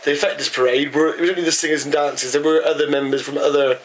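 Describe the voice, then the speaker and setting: A man's voice: on the high side, steady tone, rapid-fire, a little hiss or hum. A man from the UK co-hosting a vlog, talking casually and emphatically, with rhetorical questions. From United Kingdom. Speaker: vlog co-host. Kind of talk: casual chat.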